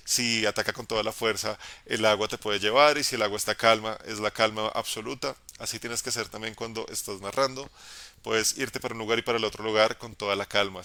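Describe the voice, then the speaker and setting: A young man, a game master giving an encouraging, casual live talk about narrating, in a low tenor voice with frequent restarts. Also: bright, forceful tone, dry recording. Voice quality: lowish tenor voice. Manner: encouraging, conversational, many restarts. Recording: dry live stream audio.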